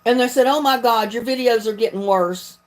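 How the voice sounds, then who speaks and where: A fairly quick, somewhat high voice comes from a North Carolina woman with a Southern accent. She is a video creator hosting a livestream, and her chat is casual, folksy, and full of laughter.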